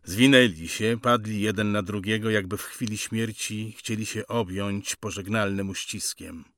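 A man reading a war story aloud as narrator, in a grave and measured manner. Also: lowish voice, fairly even intonation, fairly bright tone, no echo. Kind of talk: scripted audiobook narration.

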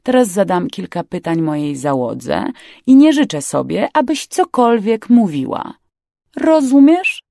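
A cold male yacht boss who gives orders in a calm, threatening tone and swears between them, read by a woman. The voice is gravelly and dry. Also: fairly low pitch, normal speed, dry recording. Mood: menacing.

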